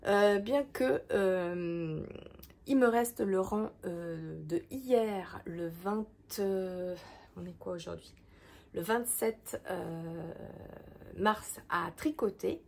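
A woman's voice: mid-range voice, creaky, darkish tone. A woman chatting casually about knitting and books in a rambling way, full of hesitations. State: hoarse from a head cold. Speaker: craft vlogger. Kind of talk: casual chat. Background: washing machine running.

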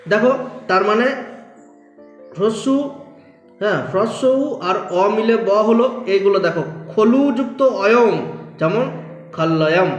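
High-voiced patient male teacher, echoey room. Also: dull audio. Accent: West Bengal. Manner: patient, repeats words slowly and checks understanding. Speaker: Sanskrit teacher. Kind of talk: classroom-style lesson explanation. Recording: roomy echo.

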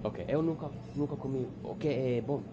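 A young man, a native English speaker, chatting haltingly in English-accented Portuguese and repeating words as he practises. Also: mid-range voice, muffled recording, a loud crowd. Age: young adult. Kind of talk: casual chat, practising a new language. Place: small cafe, indoors. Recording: very noisy on-location camera audio. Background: cafe ambience noise.

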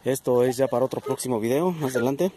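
Out in a plowed field, a man with a Mexican accent chats through a casual vlog of his metal-detecting hunt, addressing his followers as friends. His mid-range male voice moves fast against background noise.

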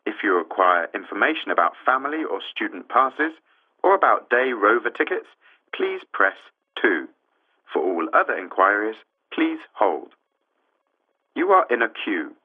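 A lowish man's voice with plenty of lift and fall comes down a landline phone, narrow and tinny. He speaks politely and in a measured way, spelling things out clearly. An actor plays him in course-book dialogues. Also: sing-song. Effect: heard over a landline phone.

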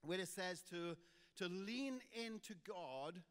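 A man's voice: high-pitched, animated, takes it slowly, a bit bright, in a large hall. A man with a Welsh accent preaching a Sunday sermon as pastor, chatty and informal, with many fillers and restarts. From Wales. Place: church auditorium.

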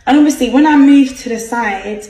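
A young woman in her twenties telling her side of a story to her phone camera in a bright room, talking casually and in exasperation with lots of fillers. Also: sits high, brisk. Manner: chatty, exasperated, many "like" fillers. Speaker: vlogger. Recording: echoey room, slightly distant, faint hiss.

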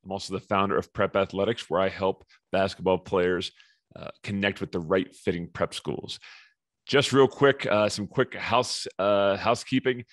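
A man with a low voice hosts a podcast, reading his intro in a brisk, upbeat announcer manner. His voice sounds dry and close, with no room echo. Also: steady tone. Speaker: podcast host. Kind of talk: scripted intro and interview questions.

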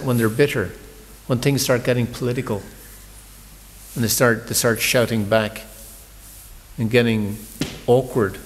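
Man preaching in an echoing temple. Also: on the low side. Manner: warm storytelling, conversational, repeats words when he restarts. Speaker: visiting speaker giving a scripture class. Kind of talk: sermon. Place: large temple hall.

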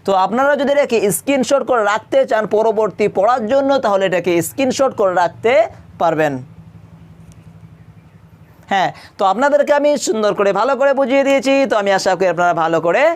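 A Quran reading teacher giving a step-by-step tajweed lesson. The teacher spells each letter and vowel mark aloud, then recites the verse slowly and drawn out, and asks the listeners questions before answering them. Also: mid-range voice, animated.

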